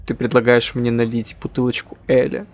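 A man's voice: mid-range voice, monotone, fairly quick, a little mellow. A man hosting a gaming channel with casual let's-play commentary, musing aloud and joking.

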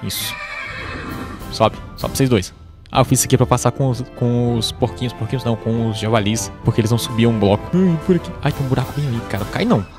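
A man's voice: medium pitch, fast. Jumpy young man commenting gameplay. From Brazil. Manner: jumpy, easily startled, keeps crying out in alarm; chatty, talks to the animals and himself. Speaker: gaming channel host. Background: game music and sheep bleats.

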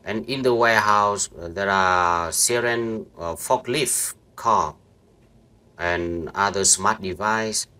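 A networking instructor walks viewers through software in a screen-recorded lesson, using a low, smooth voice with a sharp tone. He speaks slowly and haltingly, assembling sentences with many fillers and false starts.

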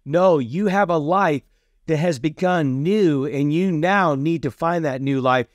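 A man's voice: a little high, dry recording, clean studio sound. A man hosting a casual teaching sermon who keeps asking "Amen?" and starts his points with "so see". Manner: repeats "Amen?" and "So see" often. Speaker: preacher hosting a teaching series.

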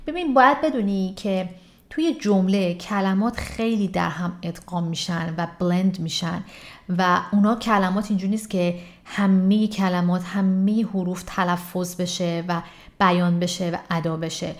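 Woman teaching English casually. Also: on the low side. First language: Persian. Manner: explains lively, slows down to model English phrases. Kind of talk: casual video lesson.

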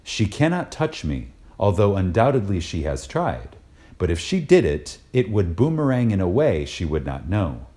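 A man reads a spiritual lecture aloud with reverence and drama, speaking deliberately and emphatically and pausing for effect. His low, mellow voice swings hugely in pitch.

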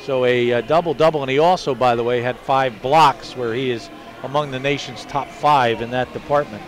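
A man announcing the final game numbers in smooth broadcaster style. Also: medium pitch, normal speed. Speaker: play-by-play broadcaster. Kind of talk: broadcast stat rundown.

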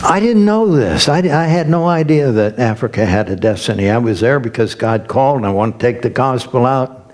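An older man giving a sermon as guest minister, preaching slowly and emphatically with lifted, rising phrases. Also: mid-range voice, a little mellow.

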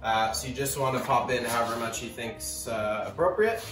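A young male chef walks through cooking steps in an easy, casual way, filling pauses with "uh". He sounds far from the mic in an echoey kitchen, with music clearly playing behind. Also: mid-range voice. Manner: casual, many "uh" fillers. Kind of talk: cooking instructions. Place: restaurant kitchen.

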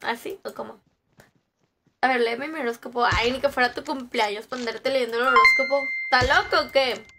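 A woman's voice: on the high side, moderate pace, background noise. A young woman, chatting casually on a game stream, joking and greeting viewers as she reads their messages. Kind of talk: casual live-stream chat.

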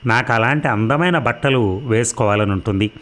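A man reading a novel aloud as an audiobook narrator, in a steady storytelling manner. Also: mid-range voice, fairly quick.

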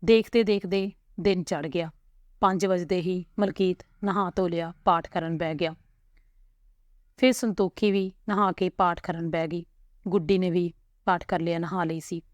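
A woman with a low, steady voice reads a family story aloud, calm and unhurried. The recording is close and dry, with no room around it. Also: no room sound, dull audio. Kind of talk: storytelling narration.

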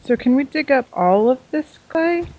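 A woman's voice: high voice, animated, moderate pace, darkish tone, poor audio. A woman playing a game with friends, curious and giggly, asking lots of questions. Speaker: game co-player. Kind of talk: casual gameplay chat.

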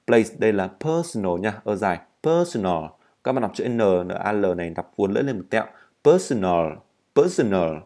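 Lowish-voiced Vietnamese man teaching pronunciation. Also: dark tone. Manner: explains slowly, repeats words to model pronunciation. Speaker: English teacher. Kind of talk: English pronunciation lesson.

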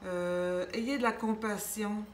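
A woman with a Québécois accent giving a casual tarot reading, gentle and reassuring, with many fillers and restarts. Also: medium pitch, steady tone, slow pace. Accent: Québécois French. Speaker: tarot reader. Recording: echoey room with faint background noise.

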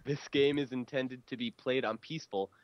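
A young man casually chatting while playing a game with friends and reading the signs aloud, animated and quick to laugh. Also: mid-range voice, no room sound, dull audio. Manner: animated, breaks into laughter, slow mock-sinister sign reading. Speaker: gamer.

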